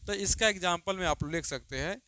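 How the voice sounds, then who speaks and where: Bright-voiced man teaching, dry and close. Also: high voice, clean tone, dry recording. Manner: repeats questions and answers them himself, calls students "babu"; drawn-out dictation of example sentences. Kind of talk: Hindi grammar lesson.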